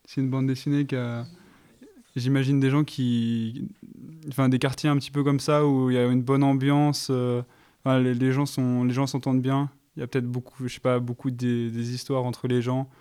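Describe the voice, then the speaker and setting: A man's voice: mid-range voice, level tone, normal speed, warm tone, clean tone. A man answering interview questions tentatively, often restarting his sentences.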